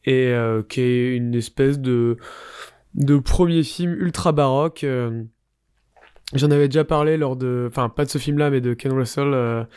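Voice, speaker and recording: A man's voice: medium pitch, steady tone, a little slow, darkish tone, clean tone, no echo, clean studio sound. A man co-hosting a podcast, casually recommending films in a rambling, hesitant way with many fillers. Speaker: podcast co-host.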